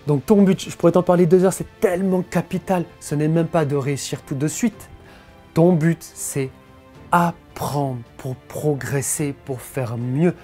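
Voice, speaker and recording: A man's voice: a little high, unhurried, dark tone, soft background music. A man giving a motivational coaching talk, speaking emphatically and directly to the listener.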